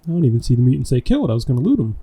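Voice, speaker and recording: Laid-back, husky-voiced man doing game commentary. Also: medium pitch, big pitch swings, racing, warm tone. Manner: laid-back, joking, wry. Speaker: let's play host. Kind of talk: casual gameplay commentary.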